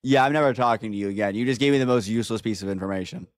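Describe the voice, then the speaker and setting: A man's voice: on the low side, rapid-fire, no room sound, clean studio sound. A young man streaming a horror game from home, commenting casually and jokily while sounding scared and reacting aloud in outbursts. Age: young adult. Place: small room at home.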